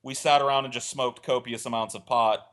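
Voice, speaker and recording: Speaking briskly in a mid-range voice, this man rambles through a crude comedic anecdote for a laid-back podcast. His delivery is animated, and he performs the quoted lines as he goes.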